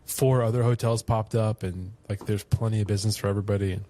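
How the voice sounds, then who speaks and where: A man's voice: fairly low pitch, fairly even intonation, quick pace, dark tone. A man co-hosting a podcast in casual chat, joking and laughing often. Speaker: podcast co-host.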